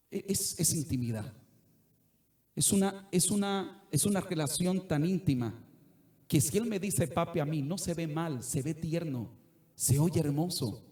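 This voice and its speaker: A middle-aged male pastor with a high, slightly mellow voice preaches earnestly, sometimes building into fervent exhortation. The recording has the echo of a church room.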